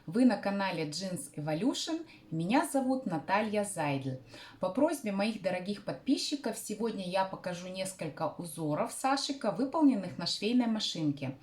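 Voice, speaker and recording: A woman hosting a sewing channel, explaining a craft tutorial carefully, often pausing with hesitation sounds. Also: mid-range voice, sing-song, darkish tone.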